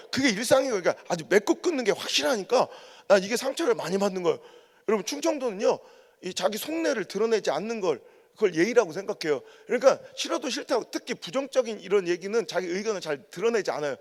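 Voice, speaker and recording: A man's voice: sits high, big pitch swings, quick pace. A man preaching a revival sermon as a pastor, telling humorous stories with mimicked dialect quotes. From Korea, raised in Chungcheong. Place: large church sanctuary. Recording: long church reverb.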